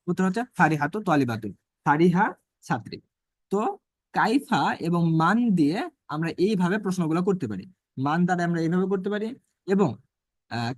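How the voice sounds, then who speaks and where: Male Arabic teacher, high voice, dry close sound, repeats points and reads phrases slowly. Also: no room sound. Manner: repeats phrases and asks rhetorical questions. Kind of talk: online Arabic grammar class.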